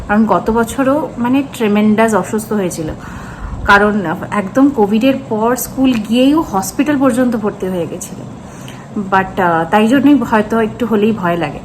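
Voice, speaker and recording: A woman's voice: medium pitch, slight background noise. A woman in her thirties, a mother, chatting through her day at home in a casual vlog, thinking aloud with many fillers. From eastern India. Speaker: vlogger and mother. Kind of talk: casual daily vlog narration. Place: home, partly in a kitchen.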